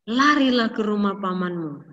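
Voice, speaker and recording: A woman voicing a worried mother in a children's Bible story, giving urgent, hushed instructions. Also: mid-range voice, expressive, normal speed, natural voice. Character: worried mother urgently warning her younger son. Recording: distant echoey dull recording.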